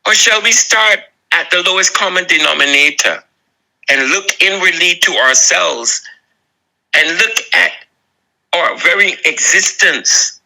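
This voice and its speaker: A man with a Barbadian accent speaks slowly and deliberately, his voice rough and gravelly. His address is earnest and preaching, full of pleading appeals. The tone is bright and sharp. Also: sits high, animated, rough recording. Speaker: video essayist. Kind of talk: impassioned moral address.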